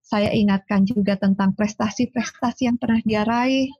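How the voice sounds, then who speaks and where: A woman, a sports psychologist telling lively stories in a casual interview. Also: mid-range voice, normal speed, slightly rough, dry recording, dull audio. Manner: animated storyteller, acts out quoted dialogue.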